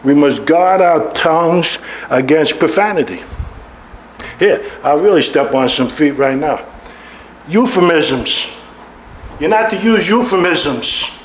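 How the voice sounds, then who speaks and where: A slow, deliberate middle-aged preacher man with a fairly high voice, leaning hard on repeated words. The sermon is captured in a roomy church hall with clear echo and a faint hiss underneath. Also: expressive. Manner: emphatic, repeating key words for weight.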